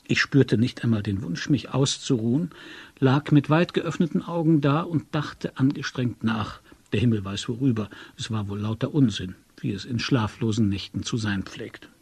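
A man reads a first-person story aloud at an even, measured pace. His voice is husky and a little breathy, at a middle pitch. The recording is dry and close. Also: no echo. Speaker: narrator. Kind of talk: audiobook narration.

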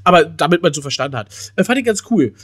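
A man's voice: a little high, expressive, quick pace, a bit bright, husky. A man co-hosting a casual podcast, telling stories in a rambling way with many fillers and restarts. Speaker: podcast co-host.

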